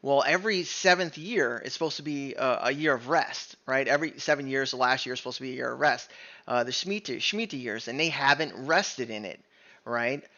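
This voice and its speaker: A man's voice: medium pitch, brisk, pushed and bright, muffled recording. A man giving an informal, earnest bible teaching in a conversational way, often checking in with "right?" and correcting himself as he goes.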